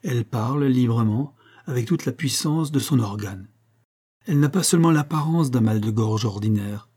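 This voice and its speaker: A measured, patient old doctor, voiced by a male reader, speaking slowly and gently in a dark, husky voice. The delivery stays calm and deliberate. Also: mid-range voice, natural voice. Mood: explaining.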